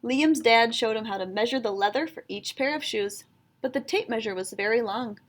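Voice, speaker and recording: A woman reads a children's picture book out loud, storytelling expressively in a voice on the high side at normal speed.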